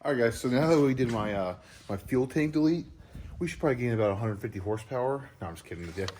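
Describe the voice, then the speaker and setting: A man vlogging his truck work outdoors, rambling casually with lots of fillers and throat clearing. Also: mid-range voice, lively intonation, fast, a little mellow, a little hiss or hum. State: out of breath. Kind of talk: casual DIY vlog.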